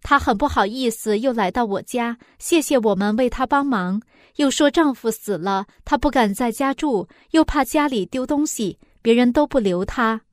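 Woman reading a story calmly, fairly high voice, dry sound. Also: moderate pace, no room sound. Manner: calm, even narration. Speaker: program reader. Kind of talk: scripted first-person story reading.

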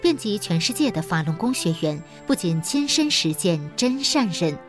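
Lively-toned woman anchor over music. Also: mid-range voice, moderate pace. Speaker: news anchor. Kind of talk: scripted news narration.

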